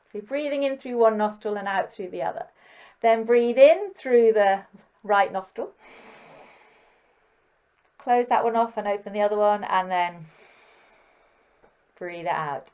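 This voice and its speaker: Woman, singing teacher, warm and encouraging, guides a group through warm-ups. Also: medium pitch, unhurried, pauses often, smooth. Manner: gentle, encouraging, coaching step by step. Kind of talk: guided breathing and vocal warm-up instruction.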